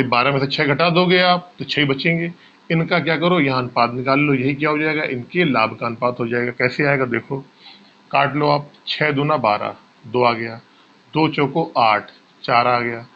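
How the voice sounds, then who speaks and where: Addressing his students as bhaiya, a man teaches an exam-prep maths lesson, breaking problems down step by step and answering the questions he asks. His voice is a little high, and the audio is dull with a faint hiss or hum.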